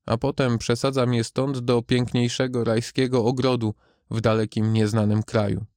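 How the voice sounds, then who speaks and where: A man reading the part of Death, a stern calm gardener of souls, in a grave measured voice. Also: medium pitch, no echo, studio quality, natural voice.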